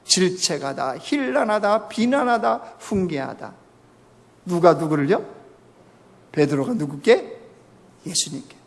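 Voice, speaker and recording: A man's voice: high-pitched, very animated, a little slow, gravelly, long pauses. A male pastor preaching a sermon in a church, constantly firing rhetorical questions at the congregation. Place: church sanctuary. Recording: long reverb of a church hall.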